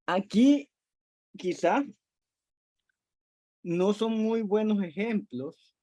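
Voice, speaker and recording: A teacher giving an online class from home, explaining patiently, with frequent "eh" fillers and quick check-ins with the students. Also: medium pitch, dark tone, no echo, studio quality.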